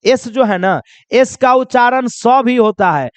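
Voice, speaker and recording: An extremely high-pitched man, expressive and a little slow, gives a pronunciation lesson in a classroom manner, his clear voice resonant on a dry recording. He drills viewers with repeated questions and calls them children.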